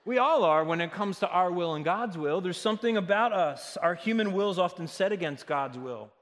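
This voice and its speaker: A male pastor preaching a sermon, earnest, moving between loud emphatic lines and soft, hushed ones. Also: high-pitched, expressive, a little fast, long reverb tail. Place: church.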